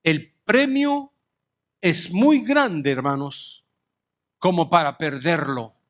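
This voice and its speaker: Hombre predicando despacio, voz aguda. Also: male voice, a little high, fairly bright tone. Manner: slow emphatic preaching, voice rising and dropping sharply. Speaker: pastor. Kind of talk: sermon.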